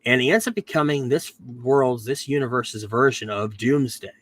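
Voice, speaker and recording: A man with a mid-range, fairly bright voice hosts a podcast reviewing a TV series, speaking at a moderate pace. He rambles casually through a plot recap, full of ums and self-corrections, while getting over a cold and losing his voice.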